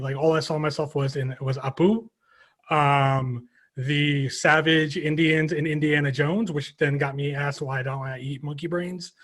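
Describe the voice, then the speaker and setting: A man from the United States, a game developer on a panel, speaking thoughtfully with many pauses and fillers. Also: fairly high pitch. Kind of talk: panel discussion.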